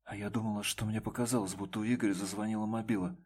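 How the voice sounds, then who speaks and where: A man's voice: fairly low pitch, fairly even intonation, racing, darkish tone, breathy edge. A man voicing a young woman who pleads and sobs, then turns scornful, in an audiobook. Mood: stunned. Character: desperate, bitter young woman, ex-lover.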